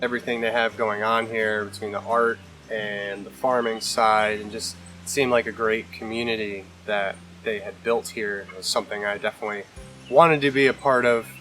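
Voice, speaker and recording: Man, farm worker, casual interview, relaxed, fairly low voice. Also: moderate pace, soft background music. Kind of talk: documentary interview.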